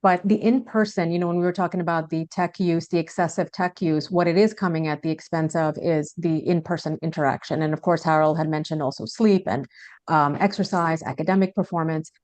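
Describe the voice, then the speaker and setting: Low-voiced woman panelist, dry sound. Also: fairly even intonation, brisk, a little mellow, no room sound. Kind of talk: panel discussion.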